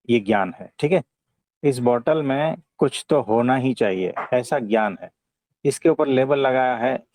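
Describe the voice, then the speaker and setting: A man with an Indian accent giving a conversational spiritual discourse, teaching in a calm, gentle way and often checking for agreement. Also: mid-range voice, dry recording. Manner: didactic, often seeks agreement with short tag questions. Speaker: spiritual teacher answering devotees' questions.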